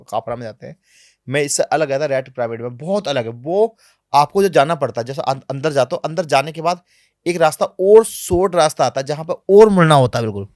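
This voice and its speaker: A man being interviewed on a podcast, telling travel stories in a lively, animated way, sometimes dropping to low, quiet asides. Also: dry recording, studio quality. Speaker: travel vlogger guest. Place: podcast studio.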